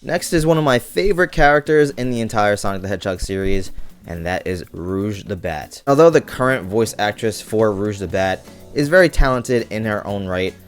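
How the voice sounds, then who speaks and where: A man's voice: lowish voice, expressive, moderate pace, smooth, soft background music. A young man hosting a video essay, reading scripted commentary.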